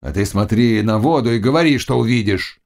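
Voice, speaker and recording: A man voicing a brooding, passionate young Cossack warrior in an audiobook, speaking low and earnestly. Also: fairly quick, creaky, a little mellow, lightly acted. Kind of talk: audiobook character reading.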